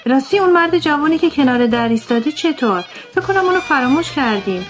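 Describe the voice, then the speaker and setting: A woman's voice: high voice, lively intonation, voice pushed up, low-quality recording. A woman playing a brusque, pompous male surgeon. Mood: impatient. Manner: brusque, impatient, commanding. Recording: music playing behind the voice.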